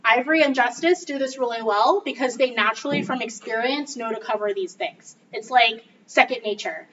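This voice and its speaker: A woman's voice: on the high side, fairly quick. A woman trainer giving an upbeat, casual coaching talk to a group in a meeting room. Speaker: real estate trainer. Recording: distant, dull mic with faint noise.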